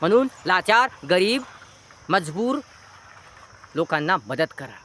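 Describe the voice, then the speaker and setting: A man's voice: sits high, big pitch swings, takes it slowly, a bit bright, slight background noise, poor audio. A man giving a moral sermon, stacking short commands one after another. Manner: repetitive, list-like exhortation. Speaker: moral speaker.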